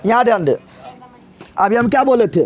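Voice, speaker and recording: A man's voice: extremely high pitch, expressive, moderate pace, muffled recording. A man teaching a physics class, drilling his students with repeated questions. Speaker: tutor.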